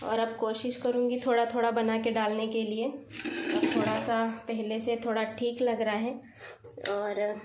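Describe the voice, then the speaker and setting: A woman's voice: fairly high pitch, little pitch movement, measured pace. Chatty woman vlogging in an echoey kitchen. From India. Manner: chatty, talking while working. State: recovering from a cold, throat still sore. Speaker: village vlogger. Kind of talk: casual vlog chat while cleaning the kitchen. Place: home kitchen, tiled and echoey. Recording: echoey kitchen, faint noise.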